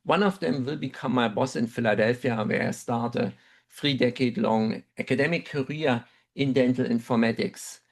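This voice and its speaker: During a webinar, a dental researcher with a German accent shares a personal story. He has a mid-range voice and speaks in a measured, reflective manner, often saying um.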